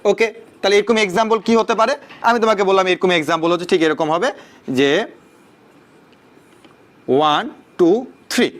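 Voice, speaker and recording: High-voiced young man teaching math. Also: normal speed, pauses often, fairly bright tone. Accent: Bangladeshi Bengali. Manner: quizzing students with rhetorical questions, mixing English words. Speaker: math tutor. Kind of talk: online class lecture.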